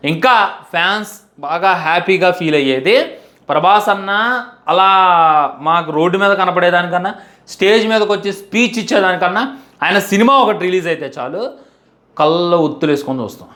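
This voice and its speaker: A young man delivers a heartfelt fan monologue, stacking up repeated phrases and pleading with the audience. His voice sits a little higher than most men's. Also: brisk, a bit bright. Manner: emphatic, repetitive, pleading. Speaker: fan commentator.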